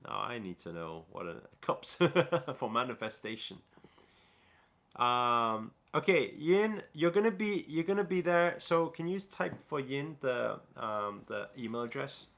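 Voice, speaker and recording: This Newcastle livestream host speaks at a medium pitch and an unhurried pace, his voice creaky and a bit bright. He reads out viewer comments in a casual Q&A, rambling loosely with frequent fillers and false starts.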